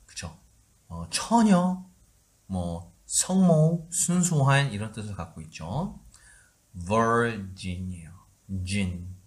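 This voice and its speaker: Guy teaching english pronunciation, low voice, slow, pitch jumps around a lot. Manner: slow, cues students with repeated "시작" drills. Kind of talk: pronunciation lesson with drills.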